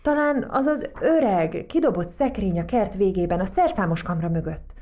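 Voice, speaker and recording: A woman's voice: medium pitch, animated, dark tone, lightly acted. A woman voicing a fretful, kindly witch in a storybook reading, worried and earnest. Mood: thoughtful.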